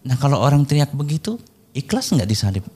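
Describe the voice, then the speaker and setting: Man guest, mellow voice, animated storytelling with quoted dialogue. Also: mid-range voice, brisk, husky. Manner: animated retelling, acting out both sides of a debate. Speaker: interview guest. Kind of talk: casual storytelling interview.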